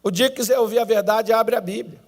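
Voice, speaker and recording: A Brazilian male pastor preaching a sermon in church, swinging between drawn-out shouted cries and low, quick asides. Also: vocal fry.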